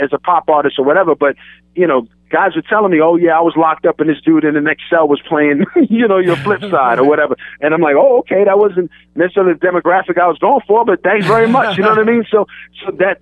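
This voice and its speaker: Born in London and raised in Queens, New York, a guest rapper with a light New York accent talks casually on a radio show, restarting often. His voice is on the high side with no echo, and the sound is tinny, like a phone.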